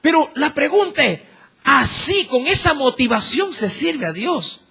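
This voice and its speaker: A male Ecuadorian preacher delivers a sermon with a piercing, bright tone. His pitch leaps up and down with lively swings, and he leans hard on rhetorical questions to the congregation. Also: a little slow, vocal fry.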